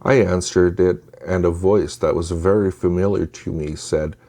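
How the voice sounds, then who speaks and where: This is a narrator of true scary stories, a man whose voice is very low, dark and gently soft at the edges. His scripted telling is slow and deliberate in a storyteller's way, with fairly even intonation throughout.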